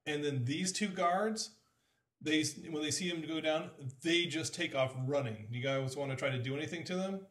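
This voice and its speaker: A man's voice: on the high side, normal speed, fairly bright tone. A man narrating as game master of a tabletop game, with frequent fillers. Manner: fillers, vivid scene narration. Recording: roomy, distant mic.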